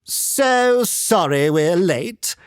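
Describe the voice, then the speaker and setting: A man's voice: high-pitched, animated, drawn-out words, clear, resonant tone, dry recording, studio quality, voice pushed up, heavily acted. A man voicing a gushing, stout, middle-aged society lady in an audiobook reading. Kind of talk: audiobook character voice.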